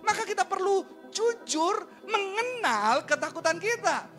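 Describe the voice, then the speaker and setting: Animated high-voiced male preacher. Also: a little slow, music in the background. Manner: animated and conversational, rhetorical questions, slangy asides. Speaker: pastor. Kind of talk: sermon.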